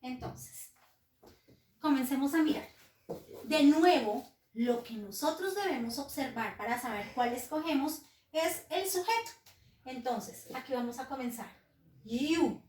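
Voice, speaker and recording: A woman's voice: high voice, a little mellow, distant mic. A woman teacher explaining English grammar patiently to young pupils. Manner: slow, patient explaining, addresses pupils as children. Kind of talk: recorded classroom lesson. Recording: roomy echo, voice set back from the mic.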